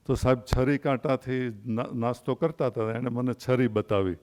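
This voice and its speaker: An older man in his sixties speaks at a literary gathering. He tells stories and anecdotes in a measured, unhurried way and pauses between phrases. His voice sits at an ordinary, mid-range pitch for a man. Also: fairly even intonation, a little mellow. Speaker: invited speaker at a literary event.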